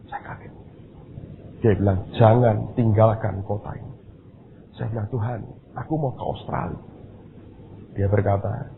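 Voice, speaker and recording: Middle-aged male pastor from Indonesia, storytelling sermon, low-pitched voice; recording tinny with a faint hiss. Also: creaky. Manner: storytelling, addresses the congregation directly. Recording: tinny phone-like sound with faint noise.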